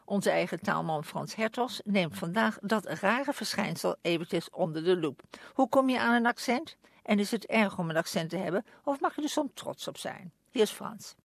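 A woman radio presenter reading a scripted introduction to a segment in a clear, measured way. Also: mid-range voice, lively intonation, no room sound.

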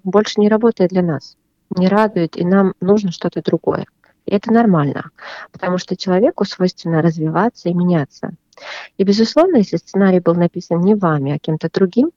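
A woman psychotherapist giving calm, measured advice on a radio program. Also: lowish voice, no echo, muffled recording.

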